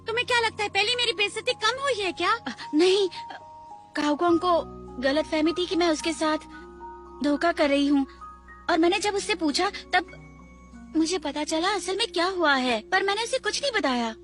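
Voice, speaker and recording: A woman's voice: extremely high pitch, unhurried. A woman dubbing a young female intern who is guarded and proud, over background music. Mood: upset. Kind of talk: Hindi dub of a drama. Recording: music under dialogue.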